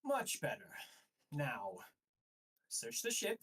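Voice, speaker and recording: A man voicing a smug, scheming male high inquisitor who speaks with cold, smirking authority, somewhat far from the mic. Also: wildly swooping pitch, slow, fairly bright tone, breathy edge, full character voice. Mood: smug menace.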